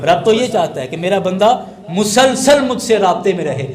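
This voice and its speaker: A man's voice: sits high, expressive, a little mellow, echoey room. A man preaching a sermon as an Islamic scholar, building his points through a chain of rhetorical questions.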